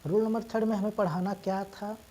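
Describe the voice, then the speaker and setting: A woman teacher who is unwell and coughs now and then, explaining reading rules step by step, spelling letters out slowly and asking and answering her own questions. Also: medium pitch, fairly even intonation, dark tone, poor audio. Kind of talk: English reading lesson taught in Hindi.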